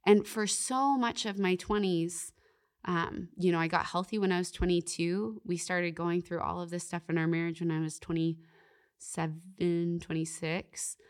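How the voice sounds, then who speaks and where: On a faith-focused podcast, a young female guest speaks with earnest reflection, her speech sprinkled with "like" and "you know." Her pitch is fairly low, her tone steady, her speed normal.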